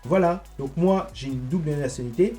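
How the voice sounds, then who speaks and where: A man giving a rambling, indignant monologue to his viewers, halting and restarting as he goes. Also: fairly high pitch, warm tone, soft background music. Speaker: online political commentator.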